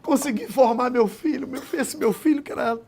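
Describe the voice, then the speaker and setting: A man, a pastor, giving an emotional testimony sermon, speaking to his listeners as brothers and swinging from quiet storytelling to loud proclamations. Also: very high voice, moderate pace, creaky, some chatter behind, slight background noise. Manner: impassioned, addresses listeners as brothers.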